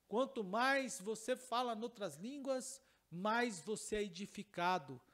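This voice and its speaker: A man with a Brazilian Portuguese accent, a pastor preaching a teaching sermon in church and telling a personal story. He repeats phrases for emphasis and swings between soft and loud delivery. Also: high voice, lively intonation, a little slow. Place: church service.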